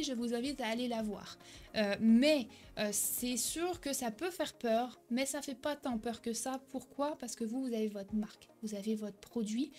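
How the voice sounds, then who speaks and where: A fairly high-voiced young woman coaching straight to the viewer with lively energy, often checking in with a quick "ok?". She stumbles and corrects herself now and then without losing momentum. Soft music sits faintly underneath. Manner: some hesitations and self-corrections. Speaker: online selling coach. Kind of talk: direct-to-camera tutorial.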